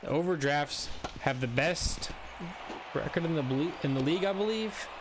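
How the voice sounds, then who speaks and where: A man's voice: a little high, moderate pace, background noise. A man doing live play-by-play commentary for a simulated baseball league stream, half asleep and laid-back but lifting his voice for big hits. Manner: sleepy, laid-back, rising to excited calls on big hits.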